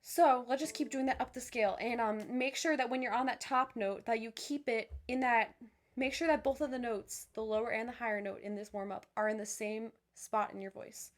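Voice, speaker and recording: A young woman who leads viewers through vocal warm-ups, encouraging and upbeat, with many fillers and restarts. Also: fairly high pitch, steady tone, moderate pace. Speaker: voice teacher. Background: piano.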